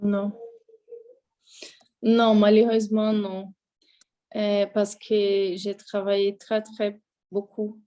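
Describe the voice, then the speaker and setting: Woman, Portuguese native, language student, hesitant, halting, tired, slow delivery. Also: mid-range voice, level tone, mellow. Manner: hesitant, halting French answers.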